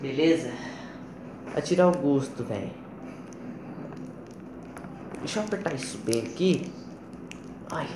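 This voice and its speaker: A man's voice: on the high side, animated, a little slow, long pauses. A teenage boy with a Brazilian accent chats casually and slangily to the camera as he hosts a challenge video, often repeating himself. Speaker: video blogger hosting a challenge. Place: small tiled home kitchen, indoors. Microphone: phone camera at about arm's length. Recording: echoey tiled kitchen, clearly noisy phone audio.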